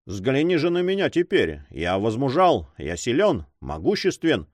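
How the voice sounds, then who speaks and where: A man's voice: medium pitch, wildly swooping pitch, unhurried, no echo, studio quality. A man reading aloud, voicing a devoted noble brother who speaks earnestly to his sister.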